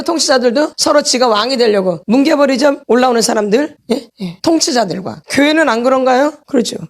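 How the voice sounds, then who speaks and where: A woman pastor preaches to a church gathering, her voice sitting a little high. She reads scripture at a slow pace and keeps turning to her listeners with questions. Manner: asks the congregation constant questions; quotes scripture slowly. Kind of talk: sermon teaching. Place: church meeting hall.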